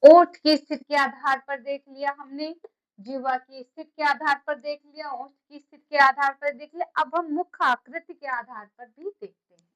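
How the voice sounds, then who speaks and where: A woman's voice: sits high, fairly even intonation, normal speed, a bit bright, rough recording. A woman teaching a class, repeating key terms and quizzing her students with questions. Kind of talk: classroom lecture.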